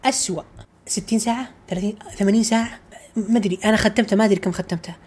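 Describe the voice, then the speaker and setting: A man's voice: sits high, steady tone, racing, darkish tone, husky. A man co-hosting a casual gaming chat, ranting in an exasperated, emphatic way. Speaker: gaming podcast co-host.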